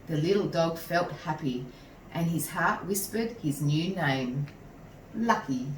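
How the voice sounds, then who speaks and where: Her voice sits low as this teacher reads a picture book aloud to young children in a measured, animated style, pausing for asides with her listeners. The sound is distant and roomy, with echo and some noise.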